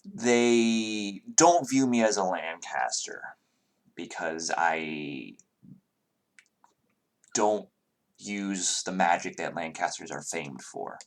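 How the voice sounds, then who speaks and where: A man voicing a guarded, wry young human nobleman who speaks in a measured, hesitant way. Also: low voice, expressive, heavily acted.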